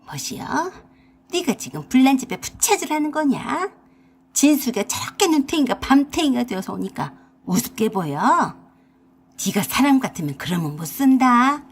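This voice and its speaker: A woman's voice: fairly high pitch, very animated, moderate pace, husky, heavily acted. A woman voicing a bossy, scolding older mother-in-law with an in a radio drama. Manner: harsh, nagging, scolding.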